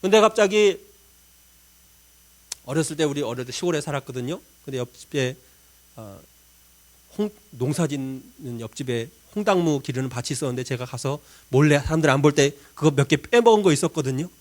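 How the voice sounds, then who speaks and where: A pastor with a high voice for a man preaches from the pulpit. He tells a personal story with plenty of feeling and acts out his own prayers. He swings from loud, urgent pleading down to near-whispered murmurs. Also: expressive, brisk. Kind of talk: sermon.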